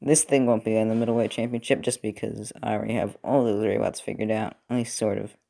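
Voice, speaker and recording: A young robot-building video creator talks fast as he works, giving casual commentary that wanders, stumbles into restarts and brims with fillers. His low, creaky yet mellow voice stays flat, while a televised football game plays behind him.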